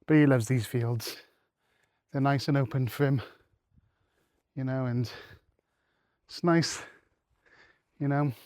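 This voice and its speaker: A man's voice: medium pitch, fairly even intonation, takes it slowly, long pauses, a little mellow, no room sound, studio quality. Rambling man vlogging outdoors. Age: adult, married. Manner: rambling, with many fillers and restarts. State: a little out of breath from walking. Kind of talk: casual walking vlog. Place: open fields outdoors.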